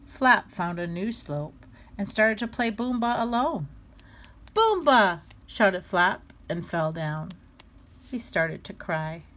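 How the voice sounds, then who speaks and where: A woman reading a children's storybook aloud, expressive and lively. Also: fairly low pitch, slow. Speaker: storybook reader.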